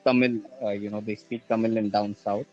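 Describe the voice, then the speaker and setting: A man from India, calling in with questions, halting and restarting as he searches for words. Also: lowish voice, flat delivery, darkish tone, faint music behind. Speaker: caller. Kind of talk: call-in question to a religious show. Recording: dull lo-fi call line.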